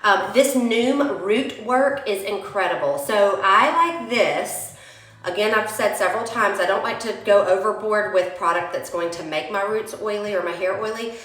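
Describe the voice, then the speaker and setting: Sniffling with a cold, this young beauty vlogger talks her y'all viewers through a hair-care routine in a chatty, casual way. She speaks at medium pitch, slightly bright, at a moderate pace, in an echoey, roomy room at home.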